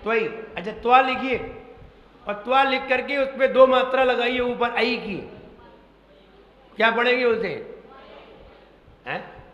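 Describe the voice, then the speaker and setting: A man's voice: extremely high pitch, takes it slowly, long pauses, fairly bright tone, lo-fi sound. A man gives a sermon on pronunciation. He repeats himself, quizzes his listeners and spells words out letter by letter. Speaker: Jain monk preacher. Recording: echoey hall with long reverb.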